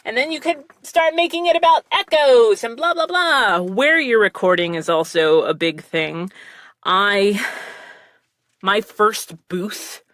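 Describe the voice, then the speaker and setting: Expressive and slow, slightly bright on a dry recording, a woman with what she calls a low voice gives casual recording tips as a podcast guest discussing voice acting. Her chat wanders, full of fillers and laughs, captured on a close studio mic with headphones.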